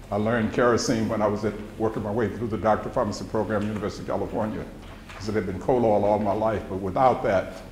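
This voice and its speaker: A man's voice: lowish voice, a little mellow. A man in his seventies with a Mississippi accent, giving an informal, folksy public lecture with personal recollections. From central Mississippi, US. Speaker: guest lecturer, retired pharmacology professor. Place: indoor lecture room with seated audience. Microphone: podium microphone. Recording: roomy echo, background noise, live hall.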